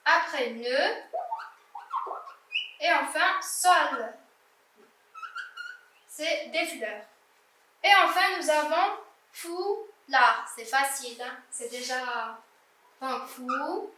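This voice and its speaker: A woman's voice: high-pitched, expressive, extremely slow, pauses often, sharp tone, roomy sound, recorded from a distance. A young woman teacher correcting a primary-school reading exercise, patiently spelling out words letter by letter. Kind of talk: slow classroom exercise correction.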